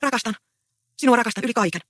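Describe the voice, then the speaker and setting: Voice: medium pitch, a bit bright, dry recording, studio quality, voice pushed up, lightly acted. A reader voicing an earnest, anxious young peasant woman in a stage play read aloud. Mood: pleading. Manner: pleading, earnest.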